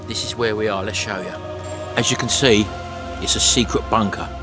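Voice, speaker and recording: A man's voice: fairly low pitch, fairly even intonation, normal speed. Chatty man vlogging over music. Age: middle-aged. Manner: chatty, addressing viewers as folks. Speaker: vlog host. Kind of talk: casual walk-and-talk vlog. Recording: music behind the voice.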